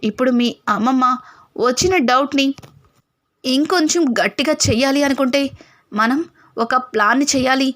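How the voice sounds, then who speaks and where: A woman's voice: high-pitched, a bit bright. A woman retelling a TV serial episode in plain storytelling, reading the characters' lines herself. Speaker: serial recap narrator.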